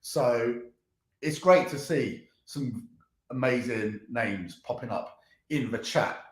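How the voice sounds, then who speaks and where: A man hosting a live charity game stream, chatting excitedly to viewers as he plays. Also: mid-range voice, slow pace, reverberant. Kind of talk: live gameplay commentary.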